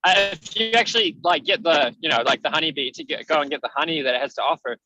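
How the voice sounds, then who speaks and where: A man's voice: a little high, quick pace, sharp tone, slight background noise. A man in an online study group, talking casually over Bluetooth headphones on a bad connection that keeps cutting his voice in and out, thinking aloud with fillers and restarts. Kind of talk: casual discussion on a video call. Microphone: Bluetooth headphones on a video call. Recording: muffled, dropout-prone video call audio.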